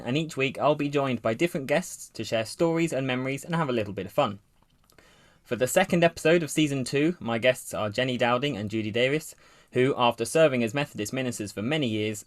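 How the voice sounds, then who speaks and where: A man hosts a church podcast at a steady, middle pitch. He reads his introductions in a polite, prepared way, then asks his guests gentle questions. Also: a little fast. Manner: polite, scripted-sounding introductions and prompts. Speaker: podcast host. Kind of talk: podcast interview hosting.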